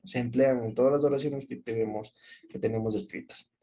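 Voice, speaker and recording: A man's voice: mid-range voice, steady tone, fairly quick, warm tone, a little hiss or hum. A male teacher with an Ecuadorian Spanish accent, giving a recorded class lesson. He explains step by step and checks in with a rising "¿sí?".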